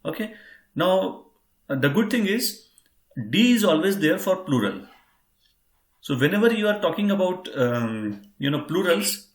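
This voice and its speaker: A man's voice: a little high, reverberant. A man teaching a German class, patiently spelling words out letter by letter and speaking to his students as friends.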